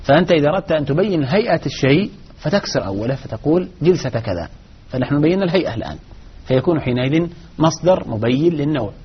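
A man teaching Arabic grammar in a live lesson, explaining in a measured way with frequent restarts. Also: on the high side, slight background noise. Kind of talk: live lesson answering questions. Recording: dull lo-fi recording.

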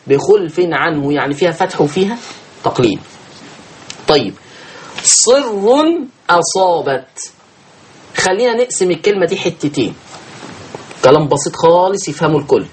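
A man's voice: on the high side, expressive, darkish tone, slight background noise. A man with an Egyptian accent teaching Quran recitation rules, asking and answering his own questions and drawing out chanted examples. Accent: Egyptian Arabic. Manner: slow drawn-out chanted examples. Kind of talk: teaching tajweed.

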